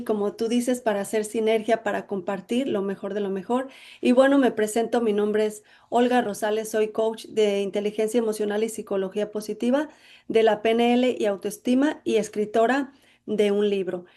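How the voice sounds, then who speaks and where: A woman's voice: mid-range voice, fairly even intonation, normal speed, dark tone. Mexican woman sharing her story. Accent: Mexican Spanish. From Mexico (Jalisco). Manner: reflective, many fillers like "bueno, pues". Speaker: interview guest, emotional intelligence coach. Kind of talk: personal life story in interview.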